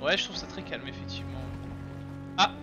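A man giving casual commentary while playing a video game, excitable, swearing and laughing when startled. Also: mid-range voice, brisk. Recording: game music underneath.

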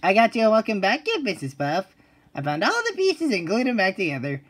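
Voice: medium pitch, wildly swooping pitch, a little fast. An actor voicing an eager, naive male sea-sponge driving student in an exclamatory, earnest cartoon style. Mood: apologetic, sweet. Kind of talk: cartoon voice acting.

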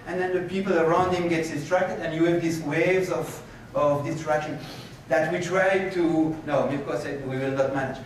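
A man giving a conference keynote and answering questions, animated and moving about the stage, recorded from a far camera in a lecture hall. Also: on the high side, a little hiss or hum. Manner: animated, gestures while pacing the stage. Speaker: keynote speaker. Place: lecture hall with projector screens. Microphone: far room camera.

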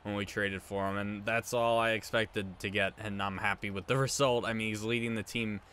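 A young man giving rambling, casual live commentary on a hockey video game he is streaming, breaking into excited cheers when his team scores. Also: on the low side, moderate pace, slight background noise. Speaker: gaming streamer.

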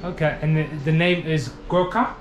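A man's voice: on the high side, normal speed. A man in his twenties with a Somali accent, chatting enthusiastically as a travel vlogger and often repeating what he is told. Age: 20s. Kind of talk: casual chat. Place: small knife shop, indoors. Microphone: action camera at arm's length. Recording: noisy action-camera audio with street ambience.

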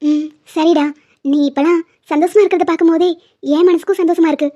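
A woman voicing a kindly, doting elderly grandmother in an animated series. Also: very high-pitched, quick pace. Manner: warm, doting, affectionate. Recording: dull lo-fi sound.

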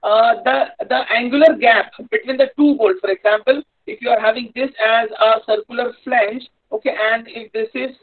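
A man with a North Indian accent delivers a live online engineering lecture in a very high-pitched voice at normal speed with fairly even intonation and few pauses. He explains things hesitantly and repetitively, and the online-class audio is dull and lo-fi.

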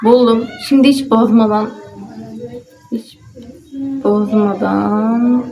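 A woman with a fairly high, steady, creaky voice talks slowly to herself while working on a papercraft project at home for her vlog. She mutters and lets out exasperated sighs in casual self-talk, over music in a rough recording.

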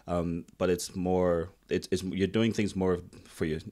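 A man's voice: low voice, level tone, unhurried, dark tone. A man in his thirties hosting a podcast from a small home studio, laid-back and affirming, swearing casually. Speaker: podcast host. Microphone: studio mic on boom arm, headphones.

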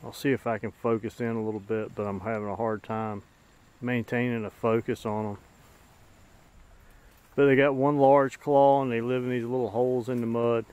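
A man's voice: mid-range voice, flat delivery, moderate pace, a little mellow, clear, resonant tone. A middle-aged man narrating a hike as he films it outdoors on a woodland trail, talking in an easygoing, folksy, plain-spoken way. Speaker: bushcraft channel host. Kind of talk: casual narration while filming on a hike.

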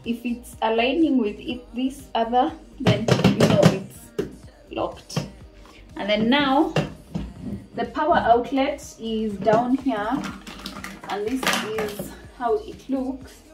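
A young woman from Tanzania casually reviewing a kitchen appliance at home, chatting and thinking aloud as she shows each part. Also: fairly high pitch. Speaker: cooking vlogger. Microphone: camera mic from a few feet away. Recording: roomy kitchen sound, mic at a distance. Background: background music.

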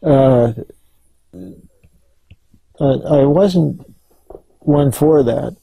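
Gravelly, dark-voiced older man. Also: medium pitch, no echo, poor audio. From Canada. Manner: halting, rambling storytelling with many restarts. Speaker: interviewee. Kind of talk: oral history interview.

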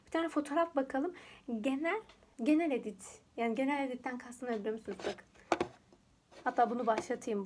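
High-voiced chatty young woman. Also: noisy background. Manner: rambling, chatty, laughs often. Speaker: YouTuber teaching photo editing. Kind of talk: casual screen-recorded tutorial chat. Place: at home.

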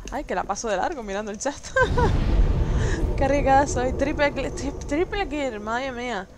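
A woman from streaming a game, chatting with her viewers and exclaiming loudly at what happens on screen. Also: sits high, expressive, takes it slowly, long pauses, background noise. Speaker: gaming streamer. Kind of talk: let's play commentary.

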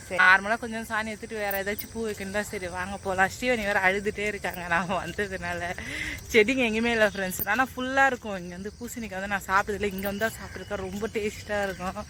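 A young woman chatting casually with her viewers as she vlogs around a village home and street. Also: mid-range voice. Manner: chatty, addresses viewers as friends. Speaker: vlogger. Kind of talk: casual vlog narration. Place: outdoors at a village house and street. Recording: noisy outdoor phone recording.

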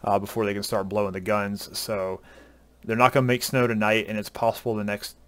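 A man, chatting casually to camera through a headset at home, relaxed and rambling with many uhs and ums. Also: lowish voice, a little fast, no room sound. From Southern US. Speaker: ski vlogger. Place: home room at a desk.

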